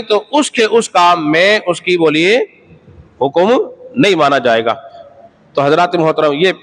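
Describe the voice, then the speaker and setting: A man's voice: high-pitched, a bit bright, low-quality recording. A man preaching an Islamic sermon, emphatic and repetitive, asking the audience rhetorical questions. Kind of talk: sermon lecture.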